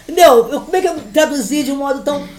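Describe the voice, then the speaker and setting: A woman giving a university class lecture in an animated, storytelling way. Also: high voice, rapid-fire, echoey room. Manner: animated, storytelling, laughing often.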